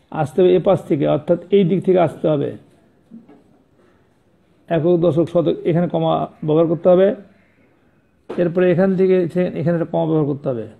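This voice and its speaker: Over a tinny, phone-like recording, a man with a high, gravelly voice teaches young pupils math. He is patient and repetitive, stopping to correct the pronunciation and spelling of numbers.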